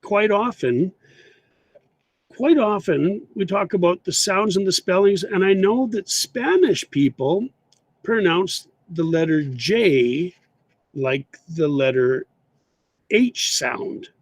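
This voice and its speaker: A man with a Canadian English accent teaching an English lesson, slowly and deliberately, repeating his example phrases. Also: high-pitched, expressive, no room sound. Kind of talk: explaining English usage in an online lesson.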